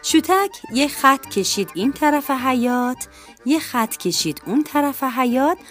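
A woman reading a children's storybook aloud in a lively, expressive way. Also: sits high, soft background music.

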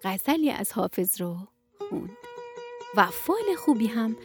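Lively woman reading a children's story. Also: on the high side, over music. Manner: lively, playing each figure with her voice. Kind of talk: storybook narration.

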